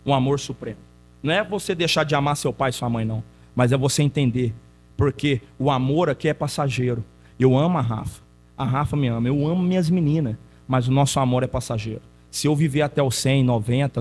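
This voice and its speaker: Pastor guy preaching in church, talks with the crowd, lively stories, slight hum behind. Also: mid-range voice. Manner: conversational, asks the congregation questions; animated storytelling preaching. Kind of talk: sermon.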